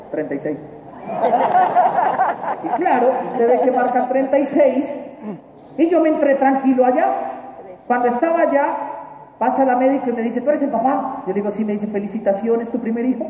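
A Colombian man telling a funny personal story to a live audience in a large hall, animated and emphatic and repeating key phrases. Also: very high-pitched, background noise. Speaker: motivational speaker. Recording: echoey hall from far off, faint ambience.

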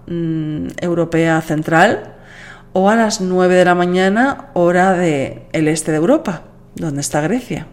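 Woman podcast host, fairly low voice, chatty and a bit worn out, plays out little dialogues as she talks. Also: darkish tone. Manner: chatty, acts out other people's replies. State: tired. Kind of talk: casual solo podcast talk.

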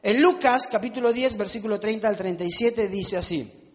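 Preacher, man, very high voice, chatty sermon with jokes at his own expense, hall reverb. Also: a little fast. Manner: conversational, asks the audience questions; self-mocking humor.

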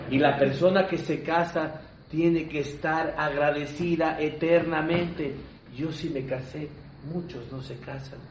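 A man giving a religious lesson. He tells stories emphatically, repeats himself, and swings between loud stresses and hushed asides. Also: medium pitch, slight background noise. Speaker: rabbi teaching a class. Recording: roomy, distant, dull hall recording.

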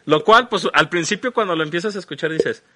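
Fast, bright and forceful, a slightly high-voiced man with a Mexican accent co-hosts a podcast. He chats and reviews things informally, swearing and using slang as on a casual live stream.

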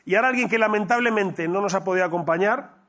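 A man's voice: high voice, fast, a bit bright. A man, co-hosting a live talk show in a theater. He jokes, rambles, and often trails off mid-sentence. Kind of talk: casual banter on a live show. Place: theater stage with a live audience.

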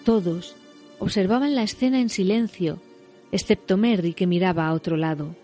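A woman reading a novel aloud as scripted narration, measured and dramatic. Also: fairly low pitch, dark tone, faint music behind. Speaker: story reader.

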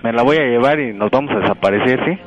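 A man's voice: medium pitch, quick pace, muffled recording, over music, voice pushed down, lightly acted. A man playing a stubborn young man on a radio prank call, who defiantly refuses to give in. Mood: evasive.

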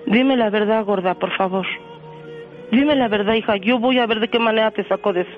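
Heard through narrow, tinny audio on a radio broadcast over the phone with music, a middle-aged woman speaks briskly in a mid-range voice. She's the caller's mother and the prank's victim, asking pointed, emotional questions over and over.

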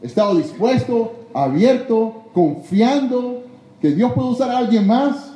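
A man preaching a sermon in a church, emphatic, swinging between loud exhortation and hushed confession. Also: very high voice, animated, a little slow. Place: church sanctuary. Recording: echoey church hall.

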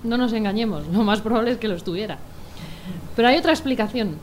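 A woman's voice: a little high, quick pace, a little hiss or hum. A woman reading a comic news story in a dry, wry tone. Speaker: comedy news contributor.

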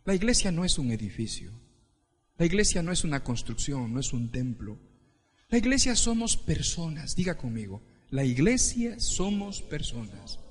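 High, lively male pastor preaching. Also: moderate pace. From Ecuador. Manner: animated preaching, calls on the congregation to repeat phrases. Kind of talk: sermon. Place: church hall with congregation. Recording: reverberant church hall.

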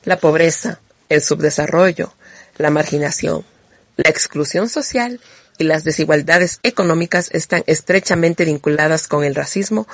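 A woman radio host reading a scripted program in a steady, formal way. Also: lowish voice, vocal fry, no echo.

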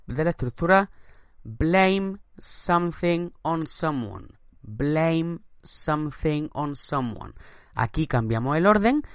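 Man, English teacher, slow careful example sentences, close dry recording. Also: medium pitch, no room sound. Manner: reads example sentences slowly and clearly, then repeats them; often ends points with "¿no?" and "¿vale?". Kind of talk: language lesson.

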